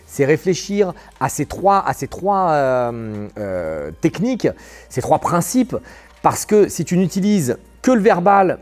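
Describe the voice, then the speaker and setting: A man's voice: on the high side, a little mellow. Emphatic male self-defense instructor. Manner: talks straight to the viewer, stresses key words, checks with "d'accord?". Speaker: krav maga instructor. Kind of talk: direct-address video lesson.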